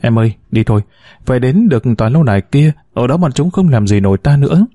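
A gentle young lover in a storybook reading, murmuring softly and tenderly close to the ear, as a male narrator puts him on. The voice is mellow and quick, close to the narrator's own. It is heard dry and near. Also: mid-range voice, animated, no room sound, lightly acted. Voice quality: soft, whispering. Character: tender young man rescuing his beloved.

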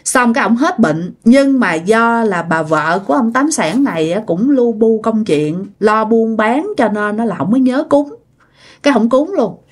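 A woman's voice: a little high, expressive, unhurried. A woman with a Southern Vietnamese accent telling a ghost story in a chatty, casual way, addressing her listeners directly.

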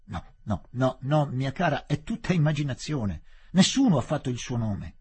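A man's voice: medium pitch, sing-song, moderate pace, dark tone, breathy edge. A man reading the part of a condescending young English official, firm and dismissive.

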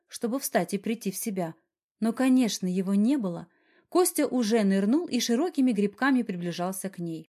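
A woman narrating a novel in an even storytelling manner. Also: medium pitch. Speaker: audiobook narrator. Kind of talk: scripted narration.

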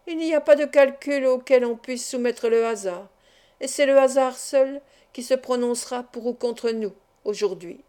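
A man's voice: very high-pitched, moderate pace, dark tone, smooth. A woman reading the part of an impudent, ironic male gambler who stays coolly confident, in a storybook narration. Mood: coaxing.

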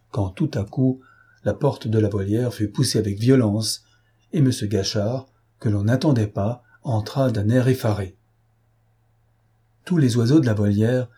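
A man narrating a novel as an audiobook reader, measured and even. His voice sits low with a dark, mellow tone and a slight husk. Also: husky. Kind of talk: scripted literary narration.

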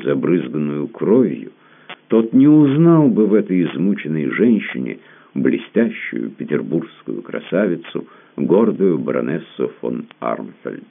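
A man narrating a literary audiobook in a dramatic, expressive reading. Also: extremely low pitch, unhurried, gravelly. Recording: narrow phone-like band.

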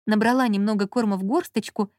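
Женщина ровно и размеренно читает аудиокнигу. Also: female voice, medium pitch, steady tone, fast talker, a little mellow, no room sound, studio quality. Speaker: narrator. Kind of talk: audiobook narration.

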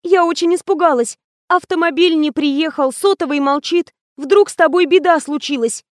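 A woman's voice: animated, normal speed, darkish tone, no room sound, studio quality. A woman voicing a clingy young actress in an audiobook, pleading and tearful. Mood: distraught. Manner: high, imploring, breathless pleas.

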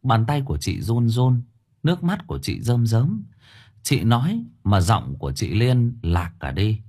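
A man narrating a story in the first person, lively and expressive. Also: mid-range voice, a little slow, breathy edge.

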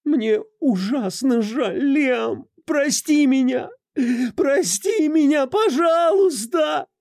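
A man's voice: on the high side, slow, gravelly, warm tone, no room sound, voice pushed up, exaggerated voice. A man voicing a distraught woman who confesses to a killing through tears, her voice trembling. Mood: desperate. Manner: trembling, tearful pleading.

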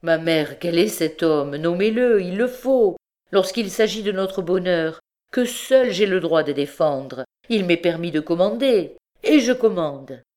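A woman's voice: fairly low pitch, slow, a little mellow. A woman reading the lines of an anguished young man pleading with his mother, in an audiobook. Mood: stern. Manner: pleading, intense.

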